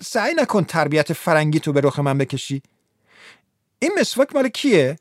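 A man voicing a scolding, exasperated young woman in an audiobook, with a sharp manner. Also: a little high, animated, no room sound, clean studio sound, close to an everyday voice. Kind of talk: audiobook character voice.

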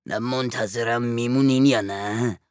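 A man's voice: medium pitch, fairly even intonation, clean tone, no room sound, clean studio sound, lightly acted. An actor playing a broke, bossy father who stammers and hems in a storybook reading. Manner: hesitant, stammering with filler sounds. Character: broke, fast-talking father, wheedling and bossy. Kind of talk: audiobook voice acting.

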